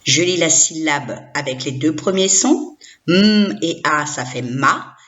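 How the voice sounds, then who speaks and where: A woman's voice: low voice, lively intonation, unhurried, a bit bright, muffled recording. A woman teacher giving a recorded reading lesson to young children, sounding out syllables one by one and having the listener repeat them.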